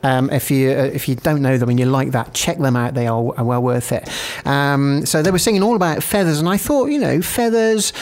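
A man's voice: mid-range voice, brisk, hardly any pauses, darkish tone. A man hosting a radio show in a studio, chatting casually and interviewing a guest, hesitant with many fillers and restarts.

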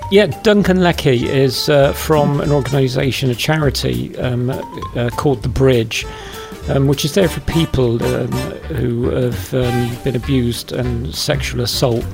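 A man with a broad Bristolian West Country accent, chatting casually and haltingly as a radio co-host. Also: mid-range voice, gravelly. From Bristol, England. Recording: music playing behind the voice.

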